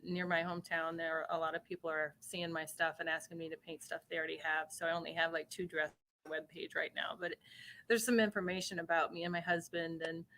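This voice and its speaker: A woman's voice comes through a patchy, lagging video-call connection. She sits a bit low in pitch, with a bright edge to her tone. She talks hesitantly and keeps apologizing, with plenty of "um"s. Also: little pitch movement, brisk, slight background noise, rough recording. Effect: choppy, delayed video-call connection. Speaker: guest on a live video show. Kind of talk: casual chat. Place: hospital.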